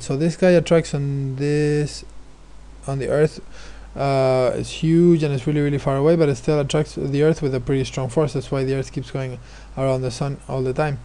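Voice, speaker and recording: A man's voice: fairly high pitch, dark tone. A male teacher explaining physics exam questions, hesitant, with many fillers and restarts. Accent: non-American, his remark says so.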